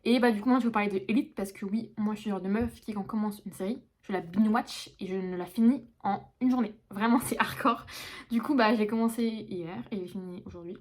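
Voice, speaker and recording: A woman's voice: medium pitch, fast talker, darkish tone. Chatty young woman vlogging. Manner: chatty, slangy, many fillers. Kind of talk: casual vlog chat to camera.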